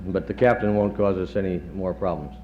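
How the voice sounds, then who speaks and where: Lowish man on old worn tape. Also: steady tone. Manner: halting, many pauses and fillers, dry humor. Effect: on old worn reel-to-reel tape. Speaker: chief of staff giving a retirement speech. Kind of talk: after-dinner tribute speech. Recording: dull worn 1970s tape with faint hum.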